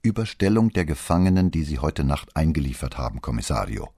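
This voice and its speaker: A man's voice: rumbling low, big pitch swings, mellow, husky, no echo, studio quality, full character voice. A man voicing a worried, efficient young female police secretary in an audiobook. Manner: worried, quick.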